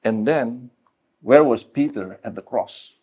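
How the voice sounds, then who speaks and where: A man preaching a sermon, switching between casual slang and English and rising to loud emphatic peaks. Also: mid-range voice, slow pace, breathy edge.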